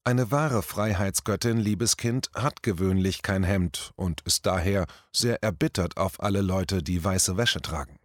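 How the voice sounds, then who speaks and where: A man's voice: deep voice, unhurried, few pauses, no room sound, studio quality. A man reading out a quoted scene and voicing a sneering aristocratic father who patronizes his little daughter in a sweetly mocking tone.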